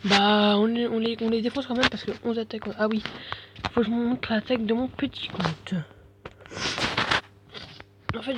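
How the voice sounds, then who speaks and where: A man with a high voice and a bad head cold mumbles casual commentary over gameplay, packing it with slang and filler words. There's noise in the background.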